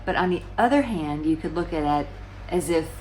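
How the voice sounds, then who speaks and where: A woman in her forties, seated on a sofa in a small room, explains current events to camera in a casual, conversational vlog. Her low, expressive voice has a darkish tone and moves at a moderate pace, often restarting sentences and posing rhetorical questions. The recording is rough, with a little hiss or hum.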